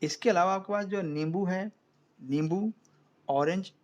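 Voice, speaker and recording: The audio is dull as a man with an Indian accent, speaking at normal speed in a high voice, leads an online science class in Hindi. He goes step by step and keeps checking whether the students follow.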